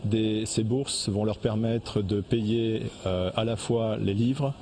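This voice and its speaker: A man gives an unscripted interview soundbite with frequent hesitations. His voice is low and mellow. Faint background ambience is heard behind him. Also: steady tone, takes it slowly, slight background noise. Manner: spontaneous, with hesitations and fillers. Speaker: company foundation representative.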